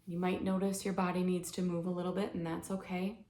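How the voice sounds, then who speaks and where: Gravelly, low-voiced woman guiding gently. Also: level tone, fairly quick. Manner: gentle, soothing step-by-step guidance. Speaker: healing practice guide. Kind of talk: guided healing exercise. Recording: echoey room with faint ambience.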